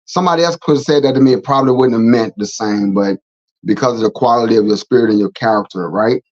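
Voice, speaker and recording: A man's voice: medium pitch, fast talker, a little mellow. A middle-aged man hosting a casual faith talk show, rambling and repeating words as he goes. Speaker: host. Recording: slightly dull, lo-fi sound.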